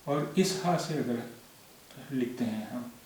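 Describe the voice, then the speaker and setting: A man teaching a language lesson, explaining patiently and repeating each sound and example slowly. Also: medium pitch, darkish tone. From India. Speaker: Urdu teacher. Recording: echoey room, distant mic, faint hiss.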